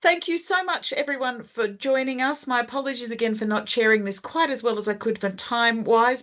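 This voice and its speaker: A woman hosting and chairing an online video call conversation, friendly and wordy with frequent ums. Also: medium pitch. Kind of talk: casual online meeting chat.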